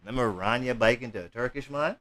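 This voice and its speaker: A man giving casual, jokey reaction commentary, talking back to a song and now and then yelping into high voices. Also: brisk. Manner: animated, jokey, yelps into high put-on voices.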